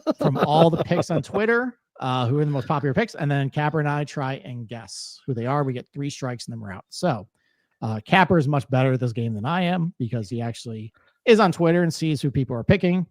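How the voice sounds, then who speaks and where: A man's voice: mid-range voice, animated, brisk, dry recording, clean studio sound. A man co-hosting a podcast in casual chat, loose and easygoing, laughing often. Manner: chatty, laughs easily, loose pacing with fillers. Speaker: podcast co-host.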